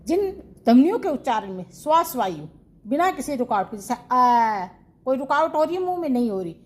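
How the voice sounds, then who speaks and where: A woman's voice: high voice, very animated, fairly quick, a little mellow. A woman teaching Hindi grammar in an online class. She asks her students questions, answers them herself and repeats the key terms.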